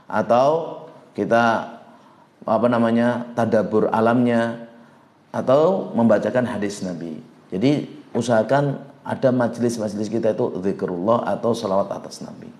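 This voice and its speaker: A man's voice: medium pitch, normal speed, echoey room. A man giving a religious lecture, acting out little dialogues and reciting Arabic. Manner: lively, acts out quoted dialogue and recites Arabic. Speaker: preacher.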